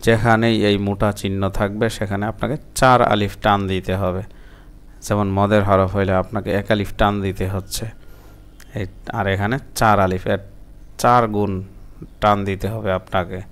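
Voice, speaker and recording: A man's voice: lowish voice, flat delivery, moderate pace, clear, resonant tone. A man teaching Quran reading, explaining plainly to the learner and sounding out Arabic syllables one at a time before chanting them drawn out.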